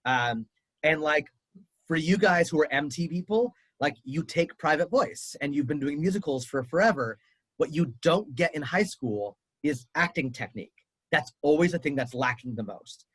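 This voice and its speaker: A man's voice: fairly high pitch, lively intonation, normal speed, a bit bright, breathy edge, dry recording, poor audio. A man coaching a family on college auditions over a video call, chatty and upbeat with lots of fillers. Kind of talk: casual advice on a video call.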